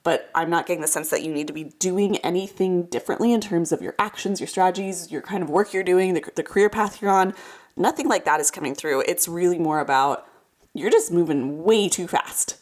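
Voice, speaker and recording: A woman who hosts tarot card readings speaks a little fast in a lowish voice, slightly congested from a cold. Addressing the viewer casually and directly, she sounds reassuring and encouraging, repeating things for emphasis.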